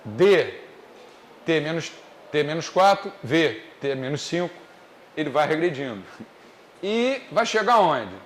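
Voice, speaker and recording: Brazilian male lecturer, slightly high voice, methodical; roomy echo, faint background noise. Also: sing-song. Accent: Brazilian Portuguese. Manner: explains step by step, deliberately slow on key points. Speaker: economics lecturer. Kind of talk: classroom lecture. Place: classroom. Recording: echoey classroom, faint noise.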